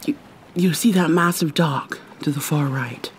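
This ASMR roleplay features a woman as a vampire mermaid: cranky, proud and secretly caring, delivering sardonic, formal lines punctuated by exasperated sighs. Her pitch is low, her pace unhurried, and there's a slight hiss or hum.

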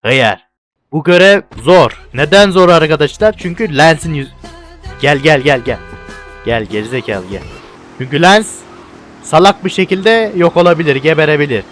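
A young man casually commentating a video game, excitable and bantering, often shouting at what happens on screen. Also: on the high side, moderate pace, soft background music. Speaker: gameplay video host.

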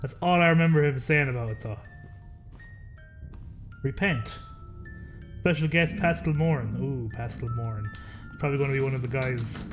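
A man's voice: mid-range voice, moderate pace, pauses often. A man in his thirties giving casual, sweary, wry commentary while playing a game. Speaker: let's play streamer. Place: dim room at home. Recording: game music behind the voice. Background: horror game music and sounds.

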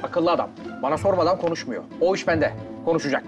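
A man's voice: fairly high pitch, fast, music in the background, lightly acted. An actor playing a cocky, bossy man who mocks others in a coffeehouse crowd.

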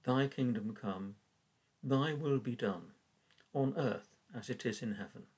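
Older man reading prayers, husky voice. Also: mid-range voice, a little mellow, rough recording. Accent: English. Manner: measured, earnest reading voice. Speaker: church warden leading prayers. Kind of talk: reading and devotional reflection. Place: small room indoors. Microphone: webcam at desk.

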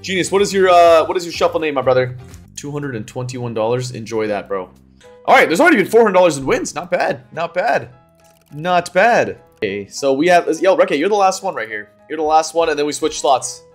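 A young man hosting a gambling livestream in an excited, slangy, repetitive frat-bro manner. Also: a little high, fairly quick, soft background music. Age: young adult. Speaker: livestream host. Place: indoor room at home.

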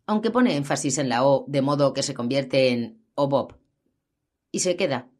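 A woman narrating a gritty crime novel in an audiobook, with steady storytelling. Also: extremely low pitch, moderate pace.

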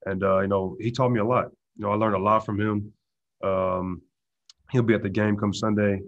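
A young man answering press questions in a relaxed way, full of "you know" fillers. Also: on the low side, moderate pace, dry recording. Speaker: football player answering press. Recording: dull lo-fi video call audio.

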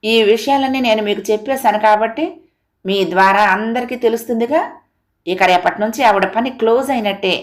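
A woman's voice: on the high side, a little fast, close to an everyday voice. A woman voicing a talkative middle-aged housewife in an audio story, rambling on in a complaining, chatty way. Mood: explaining.

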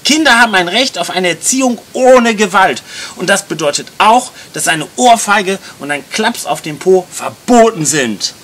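A man's voice: sits high, lively intonation, normal speed, a bit bright, voice pushed up. A man voicing young Max, a bold, outspoken boy, in a live reading in a library. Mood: indignant.

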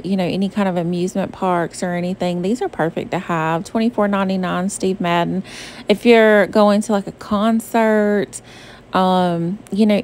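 A woman's voice: mid-range voice, a little mellow, a little hiss or hum. Chatty woman from the southern US. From Southern United States. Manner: chatty and bubbly, many fillers like "um" and "like". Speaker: shopping vlogger. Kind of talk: casual voice-over narration of a shopping trip. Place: voice-over recorded apart from the pictured store. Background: faint background music.

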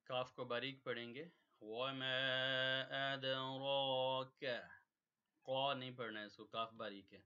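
Man, Quran recitation teacher, tajweed lesson, patient step-by-step explaining, tense bright tone, muffled recording. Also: medium pitch, steady tone, few pauses. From Pakistan. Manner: patient step-by-step explanation, drops in English words. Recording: dull lo-fi recording.

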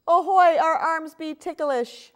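Lady doing squeaky rowdy little pirate kids, storybook read-aloud, shouty pirate talk. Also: expressive, slow. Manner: rowdy pirate exclamations, high and loud.

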